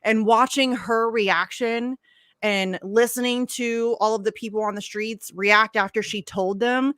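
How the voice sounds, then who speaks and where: A woman's voice: on the high side, steady tone, unhurried, fairly bright tone, no echo, clean studio sound. A young woman co-hosting a casual podcast, talking animatedly, laughing often and swearing freely. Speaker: podcast co-host. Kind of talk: casual chat.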